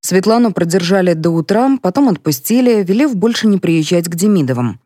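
Woman narrator, first-person audiobook, lively intonation, mellow tone, dry close sound. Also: lowish voice, a little fast, no room sound.

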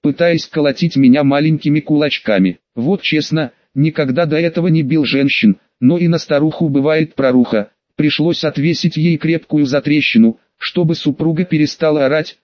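A man's voice: on the high side, normal speed, hardly any pauses, no echo. A man reading a first-person audiobook in a sardonic, coarse manner, swearing freely. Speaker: audiobook reader. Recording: dry, dull lo-fi sound.

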